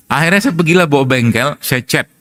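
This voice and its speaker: A man's voice: a little high, animated, normal speed, fairly bright tone. Chatty middle-aged male preacher telling stories. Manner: chatty storyteller, laughs often, asks rhetorical questions. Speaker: preacher and doctor. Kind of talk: casual religious talk with anecdotes.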